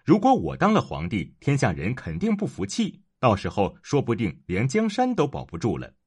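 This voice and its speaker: Man doing a naive young prince, timid and fretful, husky voice with a lot of pitch movement. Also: huge pitch swings, moderate pace, a little mellow, heavily acted. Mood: hesitant. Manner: hesitant, fretful.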